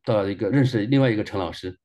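A man's voice: fairly low pitch, racing, dark tone. A man in his forties, a minister, sharing a personal testimony sermon in an earnest way and repeating phrases for emphasis.

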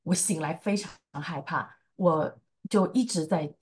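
A woman in her thirties giving an earnest personal faith testimony, halting often with fillers as she recalls events. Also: deep voice, darkish tone. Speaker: testimony speaker. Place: lives in the United States.

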